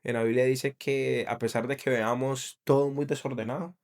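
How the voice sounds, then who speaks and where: A middle-aged man co-hosts a casual faith podcast, his medium-pitched voice moving little in pitch at a moderate pace, a little mellow. He speaks earnestly, thinking aloud and often checking in with his listener.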